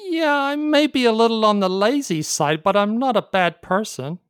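A narrator voicing a lazy, desperate young man who pleads with the gods in a high, whiny voice. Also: lively intonation, normal speed, clean tone, no echo, clean studio sound, faint music behind, lightly acted. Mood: pleading.

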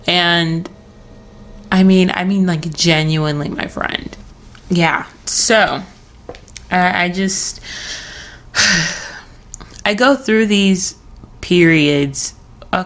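Early one morning at home, a young woman chats on her own podcast in a lowish, fairly bright voice that she's losing. The casual solo talk is rambling and giggly, and she keeps interrupting herself.

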